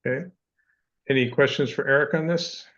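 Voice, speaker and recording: A man's voice: medium pitch, moderate pace, fairly bright tone, dull audio. A man chairing a town budget meeting over a conference call line that breaks up, talking with a hesitant manner and many fillers. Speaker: board chair. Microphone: speakerphone on a call.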